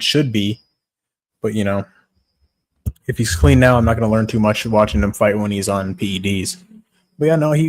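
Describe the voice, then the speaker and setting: A tired young man with a lowish, darkish voice chats casually on a livestream, yawning as he gives fight picks. He swears now and then and greets viewers by name.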